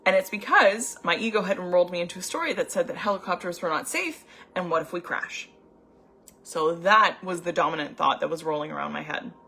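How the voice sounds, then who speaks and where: A young adult woman, an anxiety coach, telling a personal story in a chatty, animated way with many filler words. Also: lowish voice, brisk, gravelly, husky. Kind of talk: casual storytelling vlog.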